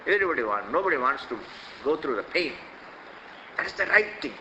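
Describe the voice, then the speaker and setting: A man's voice: fairly high pitch, very animated, a little fast, pushed and bright, muffled recording, a little hiss or hum. An older man with an Indian accent giving a spiritual discourse, emphatic and repetitive, full of rhetorical questions, recorded in an echoey hall. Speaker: swami teaching scripture.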